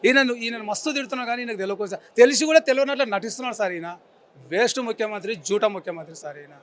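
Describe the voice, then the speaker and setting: This member of the public, interviewed on the street, is a man in his forties whose Telangana Telugu accent colors an angry, emphatic rant. His voice sits high and races along as he repeats his insults again and again.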